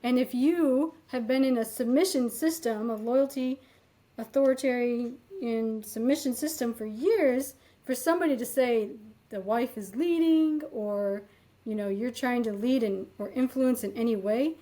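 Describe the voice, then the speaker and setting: High-voiced woman recounting a painful story. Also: a little slow, low-quality recording. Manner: animated storytelling, many fillers, acting out quoted exchanges. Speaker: interview guest. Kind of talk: candid personal account in an interview.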